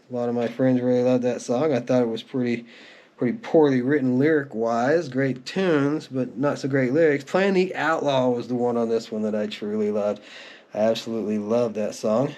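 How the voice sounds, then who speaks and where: A music collector, a middle-aged man, gives a casual show-and-tell of his collection, unscripted and reminiscing as though chatting. His medium-pitched voice is warm and moves at normal speed, with lo-fi sound on a clearly noisy home recording with clicks.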